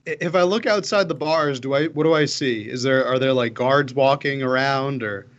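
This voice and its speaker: A man's voice: mid-range voice, normal speed, lo-fi sound. A man playing a tabletop game, chatting casually and joking with the group. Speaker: player.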